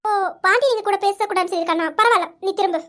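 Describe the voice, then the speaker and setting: A woman's voice: very high-pitched, rapid-fire, a bit bright. A woman voicing Inba, a worried, pushy friend. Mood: insistent. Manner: insistent, scolding questions. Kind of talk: amateur Tamil audio drama.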